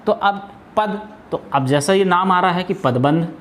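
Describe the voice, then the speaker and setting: A man's voice: high voice, unhurried, a little hiss or hum. A man teaching a Hindi grammar lesson, asking questions and then answering them himself, with frequent hesitations and restarts. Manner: explains step by step, asks and answers his own questions. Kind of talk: classroom lesson.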